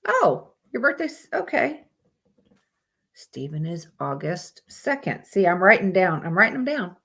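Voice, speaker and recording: A woman's voice: fairly low pitch, sing-song, measured pace, gravelly, fairly bright tone, husky. Woman, live streamer, horoscope reading, casual, blunt profane asides. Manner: reads aloud plainly, breaks off with swearing asides.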